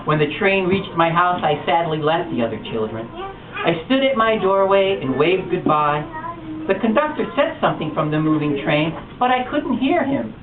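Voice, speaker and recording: At a bookstore storytime, a man reads a picture book aloud to children with animated, expressive delivery. His voice sits high at a moderate pace, over music, heard far off in a distant, echoey lo-fi room recording with noise.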